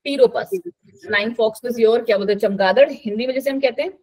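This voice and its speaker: A woman's voice: a little high, fast, darkish tone. A woman teaching a live online biology class, chatty and coaxing, mixing English terms into her talk.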